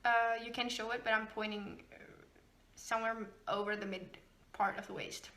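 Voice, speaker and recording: A Norwegian woman who designs knitwear hosts a casual knitting podcast, chatting freely with frequent laughter and fillers; Norwegian is her native language. Her fairly high voice has a sharp tone, moves little in pitch, and runs at normal speed.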